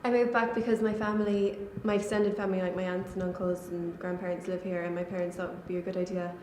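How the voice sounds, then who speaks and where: A young adult college student answers interview questions loosely and casually, speaking fast in a lowish voice. She's relaxed, and her answers are full of fillers like "um" and "like." The room sounds echoey, with faint noise behind her.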